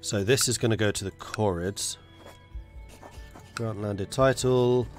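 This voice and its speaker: Soft music plays beneath a congested man with a cold as he slowly talks through a strategy game on a live stream. His voice is lowish, and he chats casually with viewers while muttering over his strategy.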